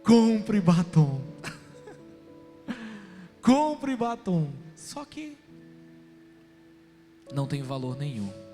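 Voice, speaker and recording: A man with a Brazilian Portuguese accent preaching a sermon, emphatic, stretching words and swinging suddenly between loud and soft. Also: high-pitched. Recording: long hall reverb with faint music.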